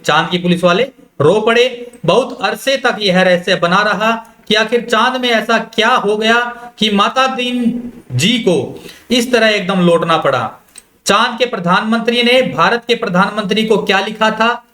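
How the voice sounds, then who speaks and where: A man with a fairly high voice gives an exam-prep literature lecture. He reads a story aloud, stops to explain it, and repeats what his students must note. The recording has a roomy echo. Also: pushed and bright. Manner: repeats key lines and tells students to note them; slows down when reading quoted lines. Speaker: Hindi literature teacher.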